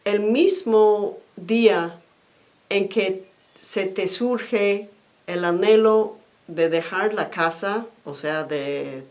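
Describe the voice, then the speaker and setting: Slow hesitant lady telling a story, lots of ehs and restarts. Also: on the low side, darkish tone. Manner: hesitant, many fillers and restarts. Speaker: storyteller and teacher. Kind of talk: spoken storytelling with commentary.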